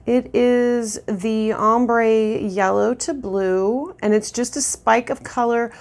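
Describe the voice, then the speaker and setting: A woman demonstrating lash techniques in a casual tutorial, chatty and relaxed with lots of ums and restarts. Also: on the high side, slow. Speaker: lash artist instructor.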